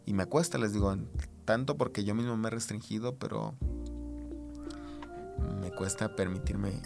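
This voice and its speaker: Gravelly low-voiced Mexican man. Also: music in the background. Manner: hesitant, halting, many fillers. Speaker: podcast guest. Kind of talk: personal storytelling. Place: recording booth.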